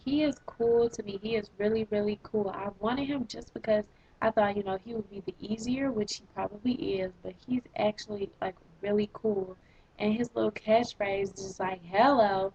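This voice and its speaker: A woman's voice: medium pitch, slightly rough, rough recording. Exasperated teenage girl vlogging. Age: teens. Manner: exasperated, sarcastic, animated complaining. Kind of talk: casual vlog rant.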